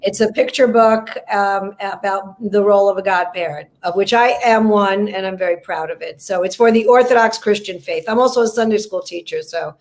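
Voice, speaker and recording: Woman guest, mid pitch, earnest and thoughtful, talking about her book. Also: brisk, few pauses, a little mellow. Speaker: guest, children's book author. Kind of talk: casual interview chat.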